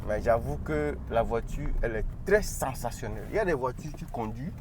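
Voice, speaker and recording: A man's voice: mid-range voice, lively intonation, a little fast, noisy background. A man with a Cameroonian accent, chatting and joking through a casual car review while driving. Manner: chatty and joking, shows features as he goes. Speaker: car vlogger.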